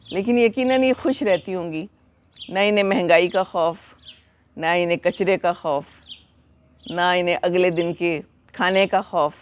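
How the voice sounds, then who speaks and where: A middle-aged woman with a Pakistani Urdu accent, talking casually to her viewers in a chatty, gently preachy way and calling them children. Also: fairly low pitch, slight background noise. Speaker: vlogger. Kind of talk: casual talk to camera.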